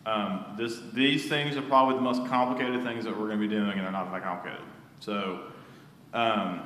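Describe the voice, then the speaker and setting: A man's voice: mid-range voice, a bit bright, a little hiss or hum. A man teaching a hands-on first aid class in a church hall, talking casually with fillers and restarts. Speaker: safety instructor. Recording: echoey hall with long reverb.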